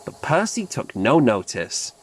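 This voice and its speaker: A man narrating a children's train story in an expressive storytelling manner. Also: medium pitch, unhurried. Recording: narration over loud music.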